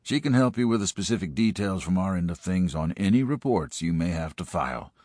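A man voicing a gruff, weary middle-aged small-town sheriff giving orders. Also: sits low, expressive, brisk, darkish tone, no echo, clean studio sound. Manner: gruff, commanding.

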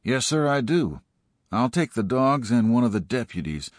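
A man's voice: mid-range voice, big pitch swings, moderate pace, dry recording, studio quality, voice pushed up, close to an everyday voice. A man voicing an eager, respectful young volunteer dog handler. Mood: dutiful. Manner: crisp, respectful.

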